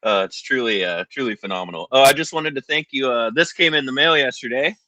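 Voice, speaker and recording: A man's voice: medium pitch, quick pace, pushed and bright, dry recording. A man calling in to chat casually as a sports fan, hesitant and chummy. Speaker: caller to a sports show.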